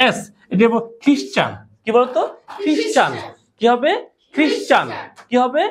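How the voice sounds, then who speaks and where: A woman's voice: sits high, big pitch swings, moderate pace, crowd noise. A woman teaching pronunciation in class, drilling her students with repeated questions and call-and-response. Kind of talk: classroom lesson.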